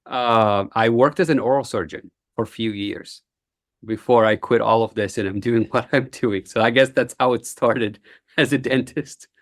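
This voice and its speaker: A man's voice: mid-range voice, steady tone, moderate pace, dry recording, clean studio sound. A man from Egypt, a guest in a podcast interview, speaking earnestly and reflectively with frequent "uh" fillers. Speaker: guest, entrepreneur.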